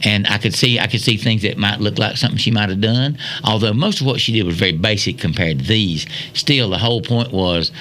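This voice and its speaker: Talking a little fast with hardly any pauses, this Southern-accented man in his seventies has a lowish voice and a sharp tone. He's a storyteller guest from Wilkes County, North Carolina, USA, spinning rambling, folksy memories and repeating phrases to drive points home.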